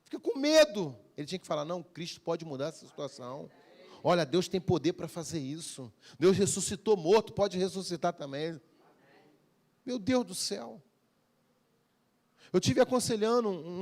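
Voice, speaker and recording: High-voiced pastor preaching. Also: male voice, darkish tone. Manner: preaching with call-and-response, acting out everyday dialogues. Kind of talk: evening church sermon. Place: church service.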